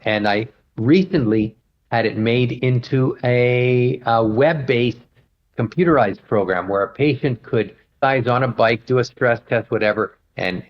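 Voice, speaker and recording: Appearing as an interview guest, this older retired pediatric pulmonologist responds patiently and explanatorily, reasoning aloud along the way. He has a mid-range voice, and the recording's highs are cut off.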